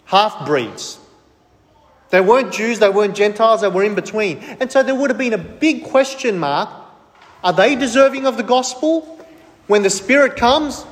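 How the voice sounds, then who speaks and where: In a big hall full of lingering echo, a high-voiced man preaches forcefully. He keeps asking his audience questions, then supplies the answers on his own.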